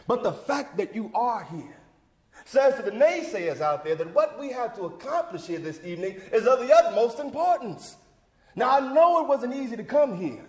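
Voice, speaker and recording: A male actor delivers a stage monologue as John Wesley Dobbs, a fervent older civic leader rallying a church crowd, in a very high-pitched, a little mellow voice at normal speed. The oratorical speech is very animated, preacherly and emphatic, with a folksy, welcoming mood and a rousing cadence. It echoes through a big hall with long reverb.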